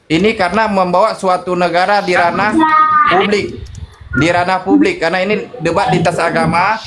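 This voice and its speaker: A man co-hosts a live online debate and gives directions about who speaks. His voice is notably high for a man. Loud noise sits constantly under his voice. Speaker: co-host of a live debate room.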